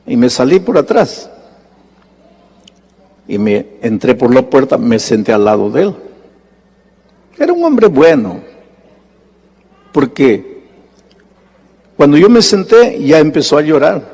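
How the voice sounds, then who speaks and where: Preaching pastor, storytelling with vivid voices. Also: male voice, big pitch swings, slow, long pauses, darkish tone, husky. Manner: storytelling preacher, acting out dialogue with sudden high-pitched bursts. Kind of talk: sermon. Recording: long hall reverb.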